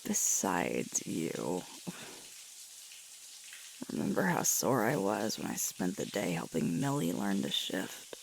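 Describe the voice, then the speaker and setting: In a low-quality recording with loud shower water hissing throughout, a female ASMR performer plays a sweet, playful young alpha werewolf girlfriend, tired and sore. Her heavily acted, sing-song delivery is slow, breathy and halting, often a whisper, with sighs, murmurs and very wide pitch swings. She sounds tender, sore and soothed as she tells an intimate roleplay story.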